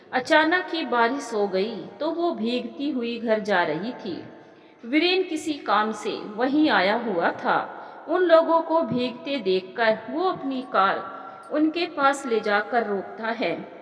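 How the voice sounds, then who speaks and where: A woman narrating a family story in a measured, steady way. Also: on the high side. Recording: echoey room with long reverb.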